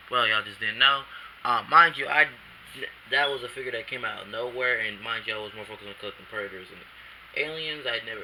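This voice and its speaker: A man reviewing an action figure at home has a sharp, mid-range voice, and the camcorder recording is low quality with slight background noise. A bit drowsy after a nap, he rambles in casual slang and keeps correcting himself.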